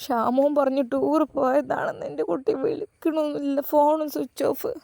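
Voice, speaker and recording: A woman's voice: sits high, steady tone, normal speed, vocal fry, mellow, no room sound, studio quality, voice pushed up. Woman doing a weeping elderly mother. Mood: tearful. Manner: weepy, pleading, repeats herself. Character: elderly mother, tearful and doting.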